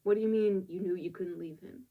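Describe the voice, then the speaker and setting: A woman's voice: fairly low pitch, steady tone, fairly quick, far from the mic, narrow, tinny audio. A woman reviewing a manga, recapping scenes in a reflective, musing way with casual asides.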